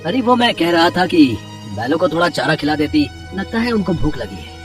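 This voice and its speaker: Put-upon young farmer husband, animated, male voice, distant with music. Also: fairly high pitch, fairly quick. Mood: pleading.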